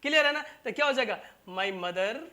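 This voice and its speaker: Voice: medium pitch, expressive, moderate pace, bright, forceful tone. An English teacher gives a classroom grammar lesson in front of a whiteboard. The teacher repeats each point and keeps checking with the students, calling them "babu" and "bhai". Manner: repetitive, keeps asking "clear?" and calls students "babu" and "bhai".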